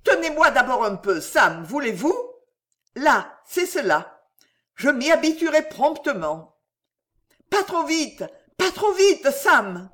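A woman voicing a timid young gentleman panicking on ice skates, pleading and stammering. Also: medium pitch, sing-song, moderate pace, lightly acted.

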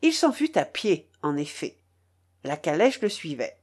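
A woman narrating a classic novel as an audiobook, in an expressive, dramatic reading. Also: sits low, unhurried, slightly rough. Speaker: audiobook reader. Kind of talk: literary narration.

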